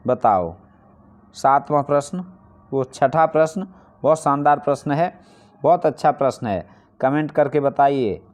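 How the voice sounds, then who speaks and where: A man teaching a Hindi spelling lesson, explaining each answer step by step and posing questions he then answers himself. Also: medium pitch. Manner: repeats key points for emphasis. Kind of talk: online exam-prep lesson.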